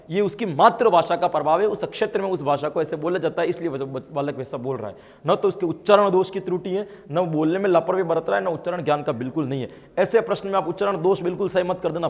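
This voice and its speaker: A man from India leads an online test-prep lecture in a fairly high voice. He keeps asking the class questions and answering them, and his voice swells whenever he hits a key point. The room adds a long, lingering reverb. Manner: explains by asking and answering his own questions, with frequent tag questions; grows louder and more emphatic when stressing key points. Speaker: exam-prep teacher.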